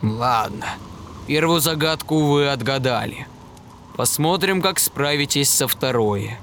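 A man voicing a hungry, menacing male dragon with a slow, growling delivery in a storybook reading. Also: medium pitch, lively intonation, fairly bright tone, a little hiss or hum, pitched below the performer's own voice. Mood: grudging.

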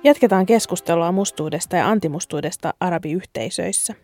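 A woman co-hosting a podcast, asking the guest measured questions. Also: lowish voice, a little mellow, no room sound, soft background music. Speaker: podcast co-host. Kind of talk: podcast interview.

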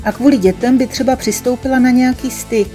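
A woman voicing a shy woman around thirty who is sobbing and pleading as she talks, with soft music behind. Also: a little high, fairly even intonation, voice pushed up, close to an everyday voice. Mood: tearful. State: sobbing, crying.

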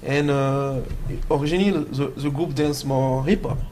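A man from France with a French accent, a guest dancer telling his story in halting English full of fillers. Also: medium pitch, fairly even intonation, darkish tone, slight background noise. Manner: halting non-native English with many fillers. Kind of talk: casual interview.

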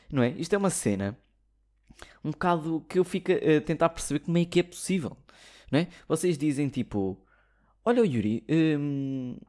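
A man's voice: fairly high pitch, a little mellow. A young man from Portugal with a European Portuguese accent, ranting in a casual comic monologue, sarcastic and swearing freely. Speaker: comedy podcaster.

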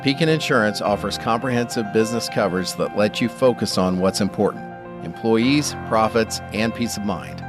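Low-voiced man reading a radio advert. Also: moderate pace. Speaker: commercial announcer. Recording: guitar music behind. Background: guitar music.

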